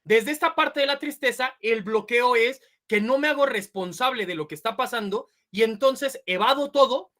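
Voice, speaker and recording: A woman delivers a lecture to parents. Her voice is bright and forward. She explains step by step, asks the room short questions, and acts out little quoted voices as examples. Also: high-pitched. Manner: explanatory, checks in with "ok?" and "vale?". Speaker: speaker giving a parenting talk.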